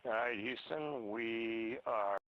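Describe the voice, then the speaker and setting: A man's voice: mid-range voice, slow, dry recording. Man on faint, breaking-up space radio. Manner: brief, matter-of-fact readbacks. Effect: faint, breaking-up space-to-ground radio. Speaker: astronaut crew member. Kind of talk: clipped radio procedure talk. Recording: muffled dry radio link from far off.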